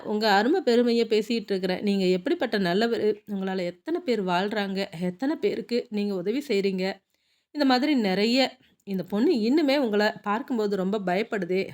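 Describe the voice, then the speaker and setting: A woman's voice: medium pitch, lively intonation, normal speed, lightly acted. A woman reading the lines of a talkative, joking young man who works on a film set, in a Tamil audiobook. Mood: chatty. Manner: long-winded, joking. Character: chatty young male film-set assistant.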